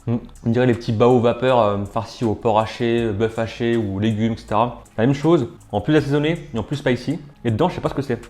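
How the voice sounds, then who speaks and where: Sex: man. Role: food vlog host. Style: casual tasting commentary. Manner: chatty, filler-heavy, talks while eating. Pitch: medium. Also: fast talker, few pauses, darkish tone. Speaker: food challenge video host. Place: at home kitchen and dining table.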